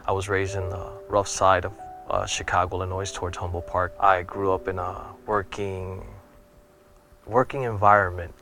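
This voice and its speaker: A man in his thirties from Puerto Rico, an airman telling his life story in an earnest, reflective way. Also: sits low. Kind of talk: personal interview testimony. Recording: music playing underneath.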